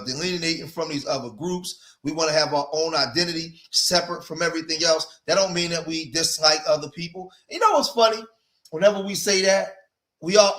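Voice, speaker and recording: A fairly high-pitched man in his forties with an East Coast accent hosts a casual livestream. He talks straight to his viewers and circles back on his own phrases for emphasis. The echoey room rings around him. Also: fairly bright tone. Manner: talks to his viewers, repeats phrases to drive points home. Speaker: livestream host.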